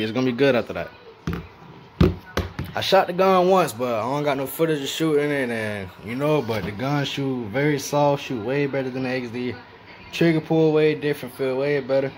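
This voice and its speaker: A man's voice: medium pitch, slight background noise. A man giving a casual, slangy gun review on his channel, talking straight to viewers with a mouth guard in. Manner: slangy, laid-back, addresses viewers directly.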